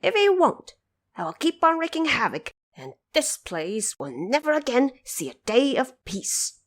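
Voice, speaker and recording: A woman's voice: high-pitched, very animated, a little slow, pitched above the performer's own voice, full character voice. A woman voicing a brash, boastful immortal monkey king with a defiant, declamatory manner in an audio drama. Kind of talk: audio drama character acting.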